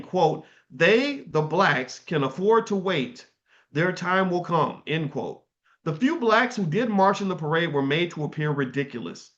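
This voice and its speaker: A middle-aged man with a fairly bright voice on the high side reads aloud from a history book and interrupts himself for casual commentary. The audio has a dull, slightly lo-fi quality.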